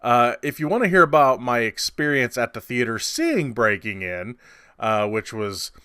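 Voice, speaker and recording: A man's voice: medium pitch, sing-song, normal speed, sharp tone, smooth, no echo, studio quality. A man hosting a casual movie review, rambling and conversational with many fillers and restarts, and sarcastic at times.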